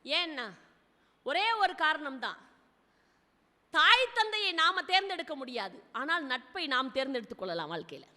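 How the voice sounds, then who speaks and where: A woman's voice: sits high, big pitch swings, normal speed, pauses often, pushed and bright. A woman devotional speaker telling a sacred story dramatically, often speaking as its hero in the first person and posing rhetorical questions to her audience. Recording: long hall reverb.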